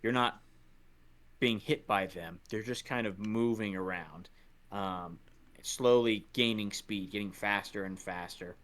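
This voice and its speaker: Low-voiced man running a tabletop game. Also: measured pace, fairly bright tone. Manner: casual, rambling narration full of fillers. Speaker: dungeon master.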